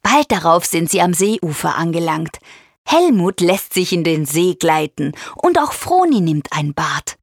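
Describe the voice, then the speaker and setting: Woman, children's story narration, slow pace, lively pitch, husky, dry close sound. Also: no echo.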